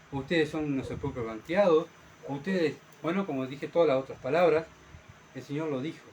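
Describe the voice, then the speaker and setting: Male pastor, fairly high voice, emphatic sermon with rhetorical questions, faint noise behind. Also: low-quality recording.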